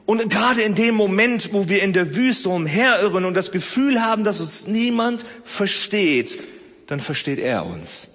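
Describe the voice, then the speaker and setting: A man preaching a sermon, swinging between loud emphasis and soft, close speech. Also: high voice, very animated, a little slow, big-room sound. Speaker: pastor.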